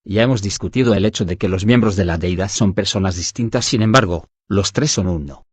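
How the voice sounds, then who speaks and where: A man narrating a devotional audiobook in an even, measured reading style. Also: sits low, breathy edge, dry recording. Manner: even, measured reading that voices punctuation aloud.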